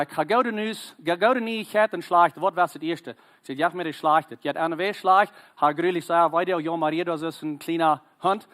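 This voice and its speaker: A man. He talks haltingly, with many fillers and stray English words mixed into his sermon. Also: fairly high pitch, a bit bright. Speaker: preacher.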